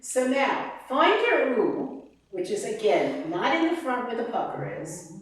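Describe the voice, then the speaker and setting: Woman vocal coach, unhurried, demonstrative, recorded from across a very reverberant room. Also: on the high side. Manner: animated, demonstrates sounds and sung lines. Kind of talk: master class teaching. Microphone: distant room mic. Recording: very echoey room from far off.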